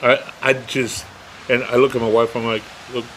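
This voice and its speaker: A man's voice: medium pitch, flat delivery, normal speed, a bit bright, a little hiss or hum. A middle-aged man co-hosting a podcast in casual chat, rambling from topic to topic and swearing freely. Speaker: podcast co-host.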